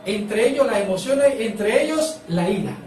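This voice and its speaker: High-voiced male preacher in an echoey hall. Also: lively intonation, unhurried, distant mic, crowd noise. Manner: preaching with call-and-response prompts to the congregation. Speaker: pastor. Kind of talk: sermon.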